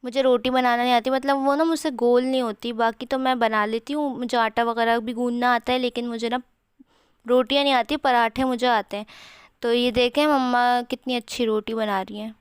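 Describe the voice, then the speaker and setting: A woman's voice: on the high side, steady tone, normal speed, smooth, dry recording. A young woman with a sore throat, chatting through a home cooking vlog voice-over in a rambling way with many fillers, recorded close to the mic. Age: young adult. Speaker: vlogger.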